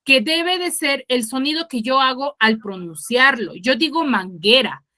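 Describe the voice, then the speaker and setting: Woman teacher, online class over a video call, high voice, slow pace. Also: animated, sharp tone. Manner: quizzing students, explains patiently.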